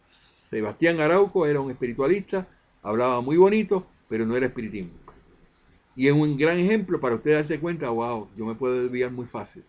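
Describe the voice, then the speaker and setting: A man's voice: mid-range voice, darkish tone, lo-fi sound. Emphatic man answering his own questions. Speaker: spiritist video presenter. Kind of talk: impassioned monologue.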